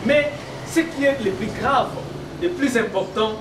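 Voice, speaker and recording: A man's voice: very high voice, measured pace. A man introducing a report, speaking formally and addressing the audience directly. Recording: echoey and distant, with clear background noise.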